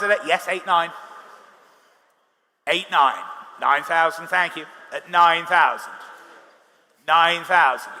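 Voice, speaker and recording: Bright, high-voiced British auctioneer man in a hall. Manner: bantering, wry asides to bidders. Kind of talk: fast live auction calling. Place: large reverberant auction hall. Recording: reverberant hall, amplified, faint background noise.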